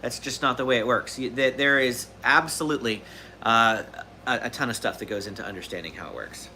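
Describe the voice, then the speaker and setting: A man in his thirties from Southern California hosts a live Q&A stream, his mid-range voice brisk and sharp. He talks casually and rambles, full of fillers and restarts. Slight background noise is audible.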